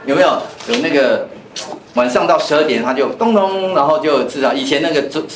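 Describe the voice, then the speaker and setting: Chatty pastor teaching. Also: male voice, on the high side, animated, a little fast. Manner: chatty, explains with personal stories. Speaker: pastor teaching a Bible class. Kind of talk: conversational Bible lesson with anecdotes. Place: church classroom. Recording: echoey room with faint noise.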